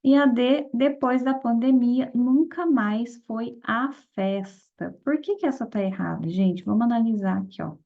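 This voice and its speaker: Woman teacher with a gravelly voice. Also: on the high side, a little slow, hardly any pauses. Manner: explanatory, checks in with listeners often. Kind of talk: exam-prep lesson. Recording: dull lo-fi audio.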